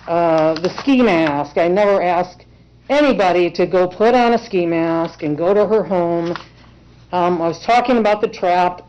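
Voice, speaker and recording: A woman's voice: fairly low pitch, darkish tone. A woman representing herself in court, giving earnest, emotional testimony in a courtroom. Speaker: self-represented respondent in court. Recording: dull lo-fi courtroom recording.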